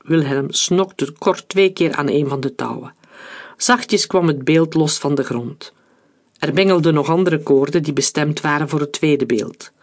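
A narrator reading an adventure story aloud in a steady, dramatic audiobook style. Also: medium pitch, measured pace.

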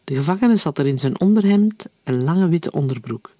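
A man reading a novel aloud in steady, even-paced audiobook narration. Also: fairly high pitch, moderate pace, dry recording. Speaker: reader.

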